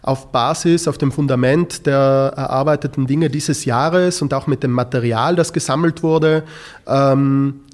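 The teacher from South Tyrol speaks unhurriedly, his medium-pitched voice steady and darkish in tone. Interviewed as part of a school project, he answers with care and hesitation, using many filler sounds.

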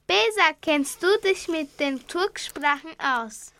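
Schoolgirl, bright tone, slow careful reading, dry sound. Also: high-pitched, animated. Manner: slow, careful read-aloud. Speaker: student radio participant. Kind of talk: reading a school radio script.

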